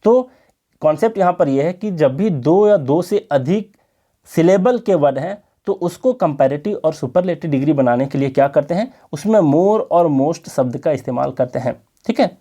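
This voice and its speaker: A man teaching an exam-prep English grammar lesson in Hindi, explaining slowly and checking in with his students. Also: a little high, expressive, warm tone.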